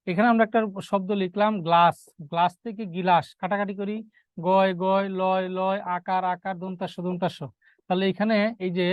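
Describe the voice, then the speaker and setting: A man's voice: high voice, no echo. A male teacher, giving a classroom grammar lesson, repeating key terms and quizzing his students.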